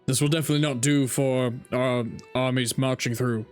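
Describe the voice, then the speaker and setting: A man playing a tabletop role-playing game, improvising dialogue in a measured, hesitant and fairly formal way. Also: mid-range voice, fairly even intonation, clear, resonant tone, faint music behind.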